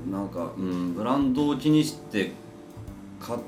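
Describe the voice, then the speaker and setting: A man's voice: lowish voice, animated, a little mellow. A man with a Kansai accent chatting casually, answering questions hesitantly and thinking aloud over background music. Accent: Kansai Japanese. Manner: hesitant, thinking aloud with drawn-out hums and repeats. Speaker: podcast co-host answering questions. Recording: roomy echo, music underneath.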